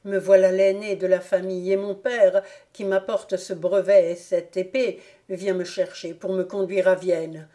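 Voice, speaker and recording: A woman's voice: mid-range voice, little pitch movement, unhurried, mellow, lightly acted. A woman reading the lines of an anguished young nobleman in love, agitated and pleading. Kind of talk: audiobook character reading.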